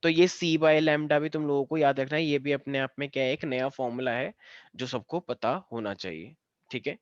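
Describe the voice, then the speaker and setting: A man's voice: medium pitch, moderate pace, no room sound, muffled recording. A man teaching a science class, explaining step by step and joking with his students. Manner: playful, joking and teasing students. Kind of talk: live online class lesson.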